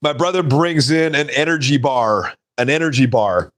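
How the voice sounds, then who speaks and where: A man's voice: medium pitch, moderate pace, a bit bright. A man hosting a casual live stream, rambling and laughing at his own stories.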